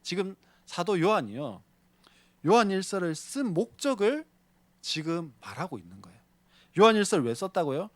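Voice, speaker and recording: Male pastor, sermon delivery; pitch sits a touch high, swings widely, close and dry sound. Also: moderate pace, no room sound. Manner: lively preaching, often poses questions to the congregation; tells a story to illustrate his point.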